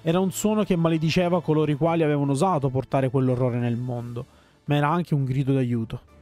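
Grave mellow-voiced male storyteller. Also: fairly high pitch, fairly even intonation, quick pace, faint music behind. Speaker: let's player reading story text. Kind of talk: dramatic reading of game story.

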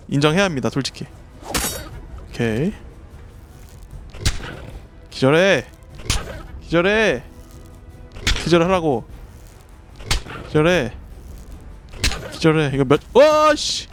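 A man streaming a survival game, talking to his creatures and his chat and yelping when startled. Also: on the high side. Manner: excitable, yelps and swears when startled; talks to the creatures and the chat while playing. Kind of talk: live gameplay commentary.

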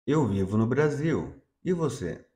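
In a slow bilingual drill, a man teaches English to Portuguese speakers, saying each phrase in Portuguese and then repeating the English twice. His mid-range voice is expressive and mellow, with a measured pace.

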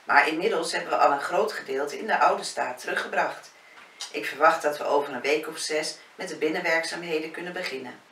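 A woman reading the lines of a wry, gently teasing man in a spoken novel. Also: sits low, brisk. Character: male villa owner, wry and gently teasing. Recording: roomy, distant, faint hiss.

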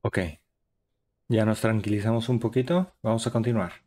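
A man's voice: on the low side, steady tone, moderate pace, dark tone. A young man, giving chatty, upbeat running commentary while streaming a horror game. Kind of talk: live gaming stream commentary.

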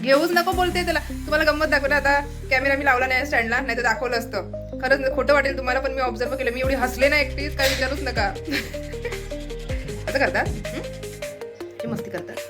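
A woman's voice: high voice, steady tone, fast. A woman from Maharashtra chatting casually to viewers as she shows around her home, keeping up a running commentary. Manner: chatty, keeps pointing things out to viewers. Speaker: family vlogger. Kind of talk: casual home vlog narration. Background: background music.

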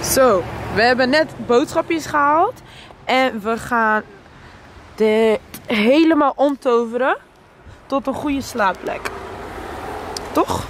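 A young woman chatting casually on a travel vlog, lively and slangy, filmed on a handheld camera outdoors and in a minivan. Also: high voice, slow pace, long pauses, background noise. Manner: lively, slangy, laughs often. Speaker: travel vlogger.

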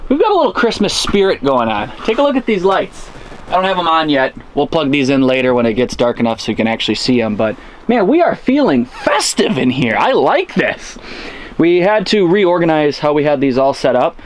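Upbeat young man hosting an outdoor vlog. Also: fairly high pitch. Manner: upbeat, enthusiastic, talks to camera. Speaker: outdoor channel host. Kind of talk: energetic vlog presenting. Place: outdoors on a frozen lake, then inside an ice tent.

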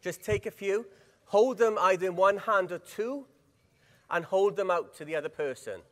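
A middle-aged Welshman with a slightly high voice runs a conference workshop at normal speed. His delivery is lively and engaging, and he keeps putting questions to the audience. The long reverb of a big hall carries his voice.

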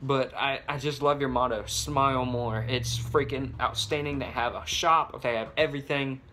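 A man's voice: medium pitch, steady tone, moderate pace, sharp tone, slight background noise. A young man making a casual home vlog on his phone, rambling with many restarts and fillers. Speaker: vlogger. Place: home with babies heard nearby. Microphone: phone camera.

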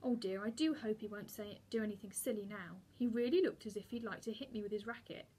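Brief: earnest, defensive schoolgirl with a slightly husky voice, read by a woman. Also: mid-range voice, fast talker, mellow, natural voice. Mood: worried. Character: spirited, sorry schoolgirl.

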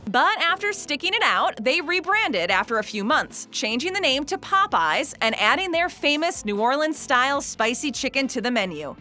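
A woman's voice: high voice, pushed and bright. A woman narrating a countdown video in an upbeat, chatty scripted style.

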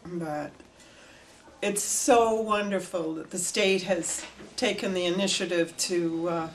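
A woman's voice: lowish voice, slow, slight background noise. An older woman reminiscing in an interview, telling her story animatedly. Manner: animated storytelling, gestures with hands. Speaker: oral history interviewee. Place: indoor room before flags.

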